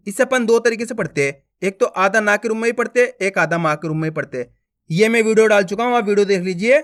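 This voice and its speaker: Guy teaching hindi syllables, says each one slow and loud, keeps asking if you got it. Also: sits high. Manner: slow, drawn-out syllable drills with questions to the viewer. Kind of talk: lesson on reading Hindi letters.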